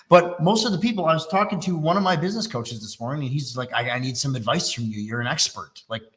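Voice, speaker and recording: A middle-aged Texan man, slightly congested, hosts a live business webinar, chatting, teasing and poking fun at himself. His voice is medium-pitched with a fairly bright tone.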